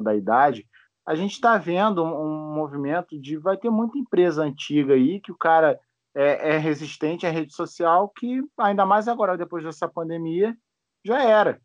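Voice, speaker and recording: A man's voice: on the high side, lively intonation, brisk, dry recording. Rambling Brazilian man, dry lo-fi sound. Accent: Brazilian Portuguese. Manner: rambling, restarts a lot, swears casually. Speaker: podcast host. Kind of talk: casual chat.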